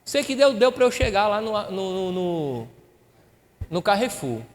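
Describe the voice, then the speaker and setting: A man's voice: high-pitched, big pitch swings, unhurried. A male pastor, preaching a sermon in a church and telling a personal story with emotion, acting out the dialogue. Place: church hall. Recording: reverberant hall.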